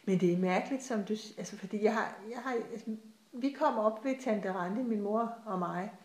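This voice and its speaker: A middle-aged Danish woman chatting about family memories, filling in details. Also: medium pitch. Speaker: daughter in family chat. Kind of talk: casual family chat. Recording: echoey room.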